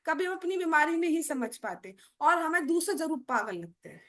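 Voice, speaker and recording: High-voiced woman explaining scripture to a class. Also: sing-song, moderate pace, a bit bright. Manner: conversational, asks the class questions and mimics others' excuses. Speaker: devotional class speaker.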